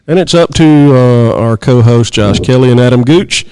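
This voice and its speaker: A man hosting a casual podcast, reading news headlines and stories with slow, emphatic pauses. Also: medium pitch, darkish tone, smooth, dry recording. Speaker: podcast host.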